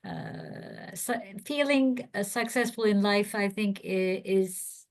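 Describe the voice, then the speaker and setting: A woman's voice: medium pitch, takes it slowly, creaky, a little mellow. A woman moderating a webinar, agreeing and adding thoughtful points. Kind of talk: webinar discussion.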